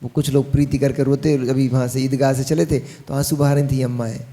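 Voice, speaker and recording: A man's voice: mid-range voice, little pitch movement, brisk, dark tone. A man gives a Jain monk's sermon in a folksy style, speaking straight to his audience with teasing asides. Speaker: Jain monk preacher.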